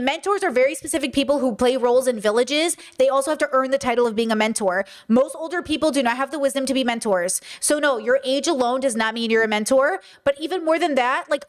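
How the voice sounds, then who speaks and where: A woman's voice: high voice, fast talker, hardly any pauses. A woman in her thirties hosting a stream, ranting bluntly and swearing freely as she reacts to chat. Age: 30s. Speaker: streamer host. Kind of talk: casual commentary on a stream.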